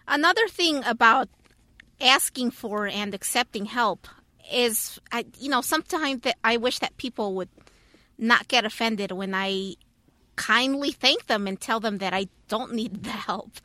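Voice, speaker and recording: A woman's voice: fairly high pitch, measured pace, sharp tone, no echo. Earnest woman explaining politely. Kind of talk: casual conversation.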